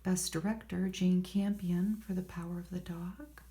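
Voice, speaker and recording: A woman speaking in a soft, hushed, often whispered ASMR voice, reading from a magazine with unhurried, murmured, rambling asides to herself. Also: on the low side, fairly even intonation. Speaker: ASMR host. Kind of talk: soft-spoken ASMR magazine read-through with casual commentary.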